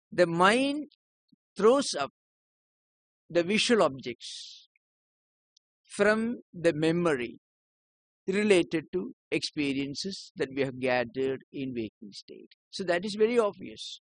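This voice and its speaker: A man giving a philosophy lecture in a measured, explanatory way, posing rhetorical questions to his listeners. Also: fairly high pitch, no room sound.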